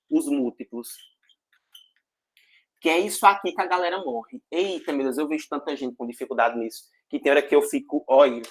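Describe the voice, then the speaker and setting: A man teaching a physics class online, energetic and jokey, full of slang and check-ins with the students. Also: fairly high pitch, slightly rough.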